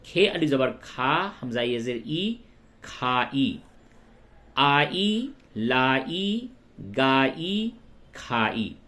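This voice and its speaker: A man teaching a beginner Urdu lesson, slowly drilling syllables with patient, repetitive explanations. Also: medium pitch, fairly bright tone. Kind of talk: beginner language lesson, spelling out letters.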